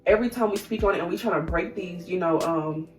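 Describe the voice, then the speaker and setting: Emphatic lower-voiced young woman, echoey room. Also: quick pace, faint music behind. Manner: emphatic, blunt and passionate. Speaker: co-host. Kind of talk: casual chat. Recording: echoey room, heard from a distance.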